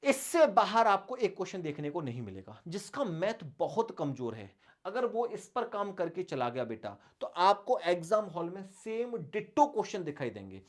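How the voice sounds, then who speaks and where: With a high-pitched voice that swings widely in pitch, this online coach explains exam strategy at a moderate pace. He addresses his students warmly, says things more than once, and throws out rhetorical questions.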